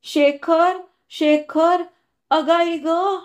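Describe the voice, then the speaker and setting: A woman's voice: very high-pitched, steady tone, very slow, voice pushed up, heavily acted. A woman voicing a hysterical young woman who shrieks and sobs in frantic rage, in a storybook reading. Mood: frantic, shrieking.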